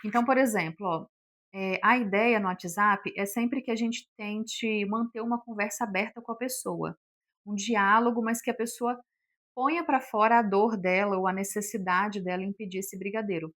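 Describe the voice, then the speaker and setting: A woman teaching a relaxed online class on selling. She talks in a chatty, everyday way, her voice sitting in a middle pitch. She leans on fillers and acts out example lines as she goes. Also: normal speed. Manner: chatty, explains with sample phrases, many fillers. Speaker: sales instructor. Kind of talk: casual online lesson.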